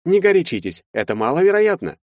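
A man's voice: a little high, very animated, a little fast, a little mellow, no room sound, studio quality, voice pushed up. A man reading an audiobook, voicing a nervous, evasive middle-aged male lawyer who talks around every question.

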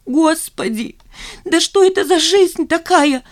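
A woman's voice: very high voice, takes it slowly, voice pushed up. A woman voicing a hysterical, tearful young office worker who shrieks and sobs. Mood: shrieking hysterical. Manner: shrieking, sobbing. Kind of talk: audiobook character voice.

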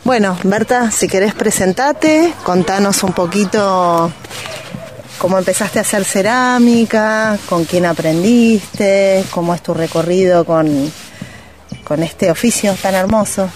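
A woman with an Argentine accent hosting a radio interview, attentive and prompting with soft acknowledgments. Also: mid-range voice, measured pace. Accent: Argentine Spanish. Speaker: radio host.

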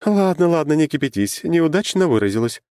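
A man's voice: on the high side, very animated, brisk, warm tone, clean tone, no room sound, studio quality, pitched above the performer's own voice. A man reading an audiobook, voicing a sly, brash female goddess with a cheeky, mocking manner. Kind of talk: audiobook character voice.

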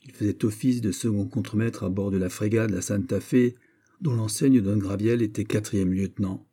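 A man narrating a classic sea story in a measured storytelling manner. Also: fairly low pitch, steady tone, dark tone, slightly rough. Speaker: reader. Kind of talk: scripted narration.

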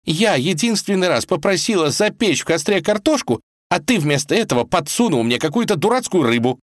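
A man doing Vasilisa, a shrill capricious tsarevna. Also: lively intonation, brisk, dry recording. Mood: petulant. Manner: petulant, shrill and emphatic. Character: capricious young tsarevna woman, quick-tempered.

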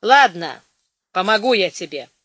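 A woman's voice: medium pitch, lively intonation, unhurried, a bit bright, dry recording. A woman voicing a sly, cocky village man with a wheedling manner.

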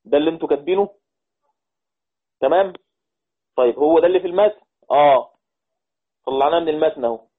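A man teaching a class with an Egyptian Arabic accent, repeating points slowly and asking the students questions. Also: fairly high pitch. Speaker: Quran recitation teacher. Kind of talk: classroom lesson. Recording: tinny phone-like audio.

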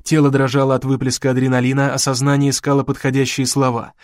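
A man narrating an audiobook in a measured, dramatic way. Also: medium pitch, completely flat delivery, dry recording, clean studio sound.

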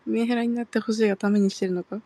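A woman's voice: a little high, steady tone, rapid-fire, mellow, no echo. A woman with a Kansai accent, teasing and coaxing in a casual group chat.

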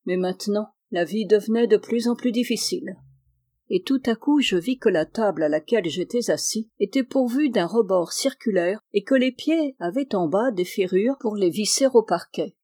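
A woman reading a novel aloud as a measured, expressive audiobook narration. Her tone is mellow and warm, at a middle pitch. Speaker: audiobook reader.

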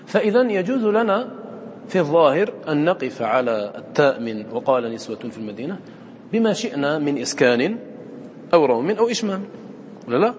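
A man's voice: a little high, sing-song, fairly quick, long reverb tail, slight background noise. A man teaching students the rules of Quran recitation, who often quizzes his listeners and repeats his points. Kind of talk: lecture to students.

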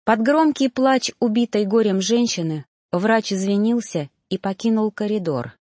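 A woman reading a first-person novel aloud in an expressive, scripted narration. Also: mid-range voice, normal speed, no room sound, clean studio sound. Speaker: audiobook narrator.

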